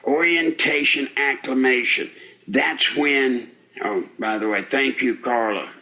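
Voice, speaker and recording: A man's voice: mid-range voice, takes it slowly, sharp tone. An older man hosting a live talk radio show, out of breath, rambling folksy and indignant with rhetorical questions. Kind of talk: live call-in radio commentary.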